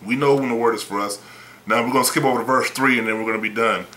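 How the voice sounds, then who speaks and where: A man's voice: mid-range voice, fairly even intonation, rapid-fire, pushed and bright, roomy sound, slight background noise, poor audio. A man preaching a sermon in a blunt, emphatic, folksy way, often repeating words.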